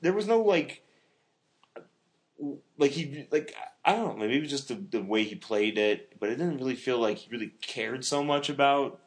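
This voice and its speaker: A man's voice: medium pitch, lively intonation, normal speed. A man casually reviewing a film with a co-host, rambling and joking, with lots of filler words. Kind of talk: casual movie review chat.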